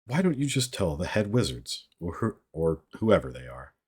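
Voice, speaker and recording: A man's voice: low-pitched, very animated, moderate pace, breathy edge, heavily acted. A man voicing an earnest, simple young male watchman who guesses eagerly and sounds puzzled, in a read-aloud story.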